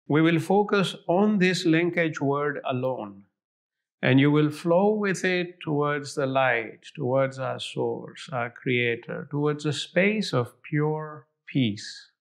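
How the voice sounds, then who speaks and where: A man leading a guided meditation in a calm, soothing, unhurried manner with long pauses and a gravelly fry in his voice. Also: a little high.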